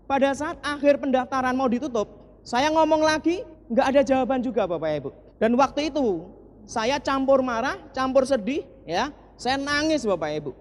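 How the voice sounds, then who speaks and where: A man's voice: very high-pitched, lively intonation, moderate pace. Forties man from East Java, earnest motivational storyteller, long hall reverb. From East Java, Indonesia. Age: 40s. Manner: earnest, often turns to the audience with short asides. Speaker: motivational speaker. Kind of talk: personal story told to an audience.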